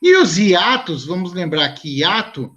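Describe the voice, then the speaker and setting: A man's voice: high-pitched, big pitch swings, measured pace, sharp tone, muffled recording. A Brazilian man teaching a Portuguese exam review class online, who explains patiently and keeps checking in with his students.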